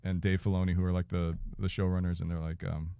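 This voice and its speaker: Low-voiced man telling a rambling story. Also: little pitch movement, fast talker, creaky, dark tone, clean tone, no echo. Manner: profane, rambling, acts out quotes, laughs mid-sentence. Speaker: podcast guest. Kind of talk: casual anecdote-telling.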